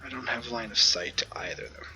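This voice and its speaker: Bright-voiced man narrating gameplay. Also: mid-range voice, quick pace, faint music behind. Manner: chatty, joking, full of ums and ohs. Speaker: gamer. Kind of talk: let's play commentary.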